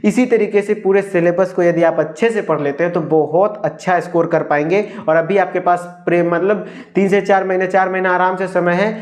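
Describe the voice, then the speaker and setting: A man's voice: high-pitched, steady tone, moderate pace, darkish tone. A young man with a Hindi accent giving an exam-prep lecture as a pharmacy tutor, asking questions and answering them himself and repeating key terms.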